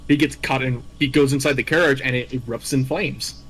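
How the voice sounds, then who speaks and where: Male host, mid-pitched, loose and rambling, laughs as he retells a game story. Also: fairly even intonation, fairly quick, a bit bright, breathy edge, rough recording. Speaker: host recapping game villains. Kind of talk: casual chat.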